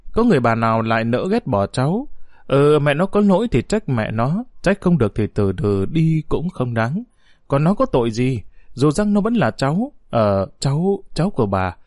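A man's voice: on the high side, a little mellow, dry recording, clean studio sound. A man narrating a story as an audiobook, expressively voicing the characters.

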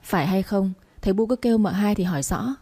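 A woman voicing a sickly young man who speaks weakly and calmly. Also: medium pitch, husky. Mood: weary. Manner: weak, tired, measured. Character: frail sickly young master, calm and reasonable.

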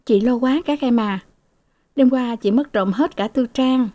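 A tearful, ashamed young wife pleads in a raised, high voice, as a woman reader voices her. The tone is dark and mellow, and the delivery stays anxious and quick to break. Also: close to an everyday voice. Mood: worried.

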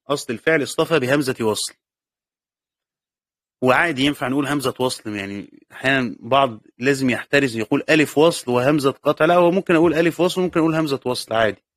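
A teacher of Quran commentary with an Egyptian Arabic accent gives a classroom lecture, reading a passage aloud, explaining it, and repeating key words. His medium-pitched voice is fast and a bit bright, recorded cleanly in a studio with no echo.

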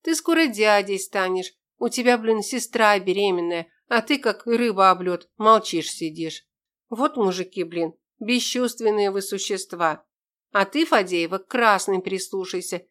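A woman's voice: mid-range voice, a bit bright, natural voice. A woman reading an audiobook, voicing a blunt, bossy woman soldier who scolds coarsely.

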